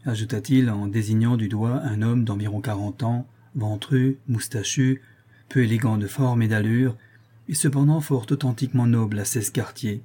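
A man narrating a classic novel as an audiobook, measured and even. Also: medium pitch, slightly rough. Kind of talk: scripted narration.

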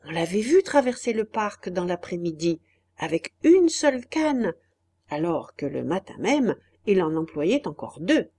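A woman narrating a classic novel as an audiobook, measured and expressive. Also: lowish voice.

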